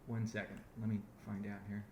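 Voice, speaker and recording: A company founder delivers a meandering conference-call business update, repeatedly backtracking and restarting his sentences. He talks briskly in a low-leaning, monotone, creaky voice with a warm tone. There's an echoey room and a touch of hiss or hum.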